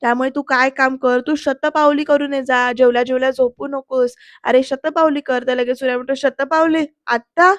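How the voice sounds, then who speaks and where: A woman's voice: high-pitched, level tone, fairly quick, no echo. A woman giving a chatty voice-over recap of a TV serial episode and quoting the characters' lines. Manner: chatty, retelling with quoted lines. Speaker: serial reviewer.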